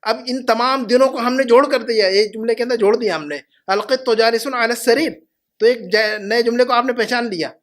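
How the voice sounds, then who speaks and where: Male language teacher, very high pitch, patient, slow repetitions for the class. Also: a bit bright. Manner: patient, repeats phrases slowly for students. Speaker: Arabic teacher. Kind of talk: classroom lesson.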